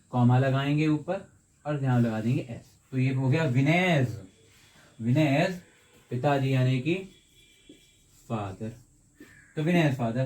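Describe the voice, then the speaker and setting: A man teaching English grammar in Hindi, asking his viewers questions and answering them himself, and stretching out each example sentence slowly. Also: mid-range voice, a little mellow. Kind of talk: explaining grammar in a video lesson.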